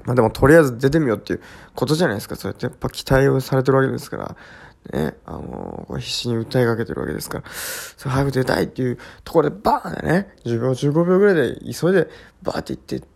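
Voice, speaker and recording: A man's voice: mid-range voice, big pitch swings, racing, vocal fry, a little mellow. A sleepy man hosting his own talk show, telling a rambling, repetitive story full of sound words in a casual solo chat. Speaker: podcast host.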